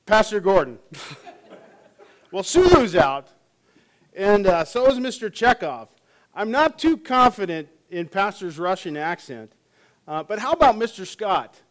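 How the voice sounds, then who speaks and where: A man's voice: high voice, big pitch swings, measured pace, long pauses. A middle-aged man, a hospice chaplain, giving a sermon with jokes and stories and many fillers. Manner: joking and storytelling with frequent fillers.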